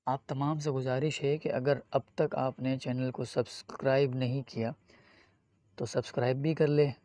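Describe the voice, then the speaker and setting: Male Quran reading teacher, online lesson, dry close sound, long drawn-out recitation. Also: mid-range voice, flat delivery, dark tone, no room sound. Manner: addresses viewers directly.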